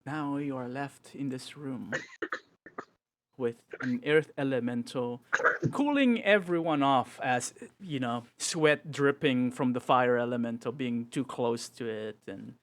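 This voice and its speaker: A man's voice: medium pitch, unhurried, background noise. A man narrating a tabletop game as game master, describing the action and laughing along with his players.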